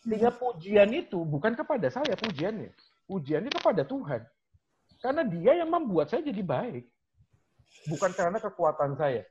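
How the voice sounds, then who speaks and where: A man, a university lecturer and guest, telling stories in a casual, animated way and dropping in English phrases. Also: high voice, moderate pace, muffled recording. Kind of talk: casual conversational storytelling.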